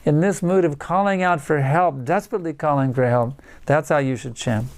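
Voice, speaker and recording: A man's voice: fairly high pitch, fairly quick, a little mellow, slight background noise. An older man giving a devotional lecture to a small group, earnest and emphatic, repeating words for stress. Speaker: spiritual teacher giving a lecture.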